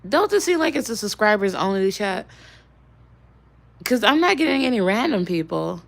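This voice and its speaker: A woman's voice: mid-range voice, very animated, normal speed, vocal fry. A young woman streaming live and talking loosely with her viewers. She rambles from one thought to the next, cursing casually, with a mid-range voice. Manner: swears casually. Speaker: livestreamer.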